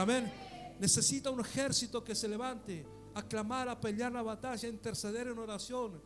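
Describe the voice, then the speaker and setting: A middle-aged man with a Rioplatense Spanish accent, preaching a sermon as pastor, building to loud peaks with rhetorical questions. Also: very high voice.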